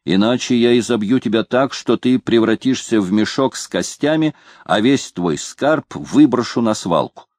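A man's voice: mid-range voice, expressive, normal speed, darkish tone, no echo, pitched above the performer's own voice, natural voice. A hot-tempered captain, acted by a male reader, barking threats in a storybook. His voice is raised and swings widely, in a dry, close sound. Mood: threatening.

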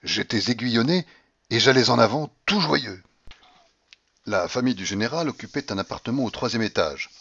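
Male audiobook narrator, measured expressive reading, mid-pitched, slightly muffled recording. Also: husky. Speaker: audiobook reader.

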